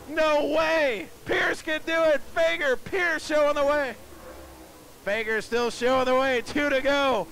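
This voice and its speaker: A man calling a dirt track race live, excitable and breathless, often shouting as the action builds. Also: very high-pitched, gravelly, a little hiss or hum. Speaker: race announcer.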